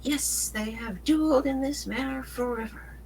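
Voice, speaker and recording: A man's voice: very high voice, moderate pace, gravelly, a little hiss or hum, poor audio. A man putting on a doting, mysterious elderly grandmother spirit while reading a webcomic aloud, speaking theatrically and teasing sweetly. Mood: cryptic, grandmotherly.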